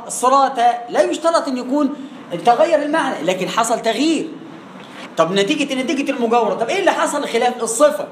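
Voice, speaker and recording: A man with a very high, fairly bright voice and an Egyptian Arabic accent teaches Quran recitation in class. He works on pronunciation drills, asking and answering his own questions. The recording has echo and faint background noise.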